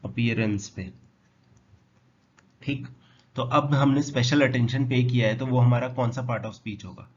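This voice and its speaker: Man teaching vocabulary, lo-fi. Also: mid-range voice. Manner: asks questions then answers them himself, slow spelled-out words. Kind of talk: explanatory lesson. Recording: dull lo-fi sound with faint noise.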